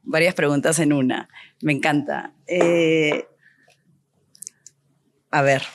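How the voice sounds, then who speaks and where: A woman from Peru, a designer being interviewed, telling her story in a lively, candid way. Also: deep voice, slow. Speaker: guest designer. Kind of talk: casual interview chat.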